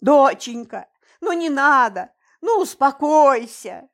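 A flustered older man pleads and soothes in a high, lively voice, as a woman reads him. He fusses over a wild daughter in an audiobook scene. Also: slow pace, full character voice. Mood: pleading. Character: flustered older man playing a worried dad.

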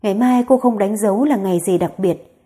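A woman narrating an audiobook story with a steady, dramatic reading. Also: mid-range voice, a little fast.

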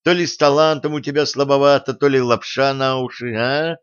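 A man voicing a calm, sarcastic young man who needles a bully, from a dull lo-fi audiobook recording. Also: a little high, no echo, voice pushed up, close to an everyday voice. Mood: mocking. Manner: cool, sarcastic, unhurried.

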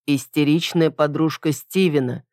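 A woman voicing a calm, respectful young male cat-dragon servant in an audiobook, speaking quietly and patiently. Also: sits low, fairly quick, dry recording, studio quality, natural voice. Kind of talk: audiobook character voice.

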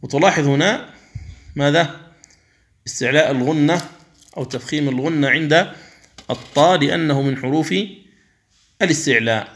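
With a fairly high-pitched, slightly bright voice, a man instructs listeners in Quran recitation. Each rule gets a slow, careful explanation, the examples are stretched into chant, and sometimes he contrasts a mistaken reading with the right version.

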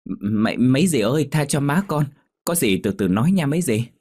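Guy playing a gentle young daughter begging nicely. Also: lowish voice, lively intonation, normal speed. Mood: pleading. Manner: pleading, soft-spoken. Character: gentle dutiful young woman, pleading.

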